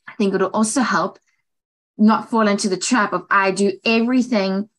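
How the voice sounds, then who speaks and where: Poor audio carries a bright-ish, medium-pitched American woman speaking at normal speed with fairly even intonation. As co-host and director of training in a relaxed writers' talk, she's affirming and upbeat, dropping "like" and other casual fillers frequently.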